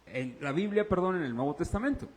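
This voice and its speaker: High-voiced man preaching with big swings. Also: brisk. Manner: swings between hushed low passages and raised, excited preaching; exclaims and addresses the congregation directly. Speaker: pastor. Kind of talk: sermon.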